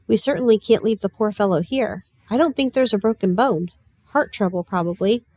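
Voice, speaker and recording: A woman's voice: medium pitch, fairly quick, darkish tone, dry recording, lightly acted. A woman voicing a genial, hearty village rector in a storybook reading. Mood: urgent.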